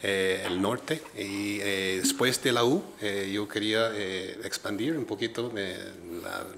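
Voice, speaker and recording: Hesitant and full of fillers, a middle-aged man from Minnesota in the US answers interview questions in Spanish, which he learned as a second language, carrying an American English accent. He's an entrepreneur appearing as a guest. His lowish, slightly bright voice keeps a fairly even intonation at an unhurried pace, with a little hiss or hum in the audio.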